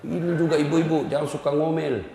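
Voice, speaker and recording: An animated male preacher teases and addresses his audience directly during a humorous sermon. His voice sits high. It rings out in a large hall with long reverb. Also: a little fast, gravelly, heavy background noise. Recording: echoey hall.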